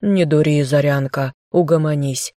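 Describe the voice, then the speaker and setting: A woman's voice: low voice, fairly even intonation, a little slow, warm tone, dry recording, studio quality. A woman voicing a smug, scheming young man who coaxes and taunts the girl he captured. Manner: smirking, coaxing.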